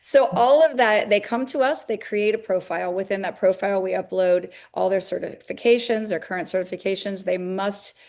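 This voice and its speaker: A woman's voice: mid-range voice, brisk, hardly any pauses, darkish tone. A woman, a longtime fitness business owner, explaining her company at length in an interview, with many fillers. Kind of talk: interview answers.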